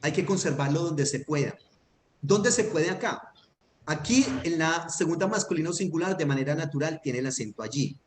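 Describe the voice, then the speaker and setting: This Hebrew teacher's voice sits on the high side, animated and at a normal speed. He gives a grammar lesson online, methodically and patiently, frequently making sure the student keeps up. Faint noise and echo fill the room.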